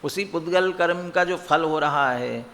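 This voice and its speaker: A man teaching a religious text, explaining by posing and answering his own questions and chanting verses slowly. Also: a little high, fairly bright tone, big-room sound. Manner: chants scripture slowly and deliberately. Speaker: scripture teacher.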